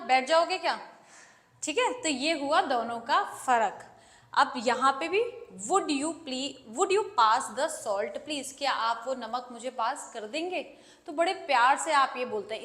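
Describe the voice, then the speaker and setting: Indian woman English teacher, high voice, patient explainer, echoey room with long reverb. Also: fairly bright tone. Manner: explains patiently, acts out example sentences slowly. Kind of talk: classroom-style grammar lesson.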